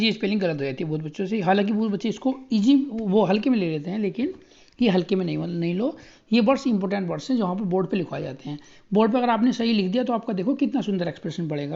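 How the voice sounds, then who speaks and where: A man teaching an exam coaching lesson, spelling words out letter by letter and often pausing to check that students follow. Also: high voice, gravelly, a little mellow. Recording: muffled lo-fi recording.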